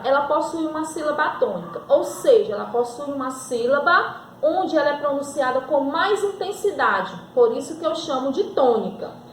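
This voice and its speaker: A woman's voice: high voice, slight background noise. A woman teacher with a Brazilian Portuguese accent giving a recorded grammar lesson, asking and answering her own questions and stretching out example words. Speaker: school teacher. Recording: echoey room.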